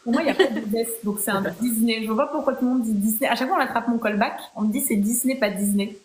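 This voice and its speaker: A woman hosts a live stream, chatting playfully and casually with lots of fillers and restarts. Her voice is on the high side and racing, and the recording has a roomy echo.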